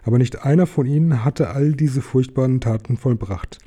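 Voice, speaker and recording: Male audiobook narrator, deep-toned and warm, measured storybook delivery. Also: husky. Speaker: audiobook reader.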